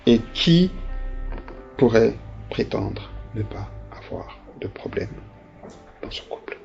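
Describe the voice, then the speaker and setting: A man's voice: mid-range voice, animated, slow pace, vocal fry, a little mellow, muffled recording, faint music behind. A man preaching a conversational sermon as pastor. He hesitates and restarts often and acts out the voices of people in his stories.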